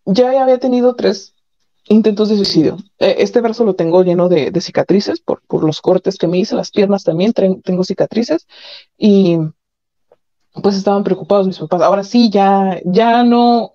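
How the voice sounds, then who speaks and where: A woman's voice: mid-range voice, warm tone, muffled recording. A woman telling a caller's candid personal story, frank and matter-of-fact with nervous laughs. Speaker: caller sharing her experiences. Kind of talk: candid personal testimony over a call. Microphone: phone or call line.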